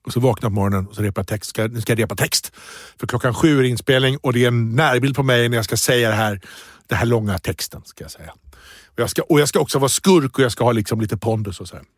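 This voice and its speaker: A man co-hosting a casual talk show, telling an anecdote in an animated way. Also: medium pitch, no room sound, studio quality. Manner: animated storyteller, acts out scenes. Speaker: podcast co-host. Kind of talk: casual chat, storytelling.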